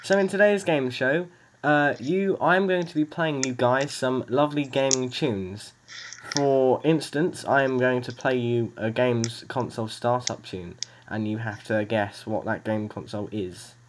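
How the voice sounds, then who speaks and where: A man's voice: medium pitch, unhurried, slight background noise. Playful teasing man hosting a podcast. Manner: playful, teasing, laughs often. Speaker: podcast host. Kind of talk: casual chat. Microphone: video call.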